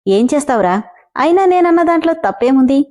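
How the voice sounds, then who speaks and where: A woman's voice: high-pitched, expressive, fairly quick, darkish tone, voice pushed up. A woman reading a sneering village landlord. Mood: sneering taunts. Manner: taunting, sneering. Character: cruel mocking village landlord man, arrogant.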